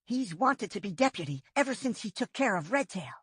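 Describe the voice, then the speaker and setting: A woman's voice: medium pitch, big pitch swings, brisk, husky, no echo, studio quality, pitched above the performer's own voice. A woman doing a muttering young tomcat. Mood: uneasy. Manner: muttering under his breath. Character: worried young male apprentice cat.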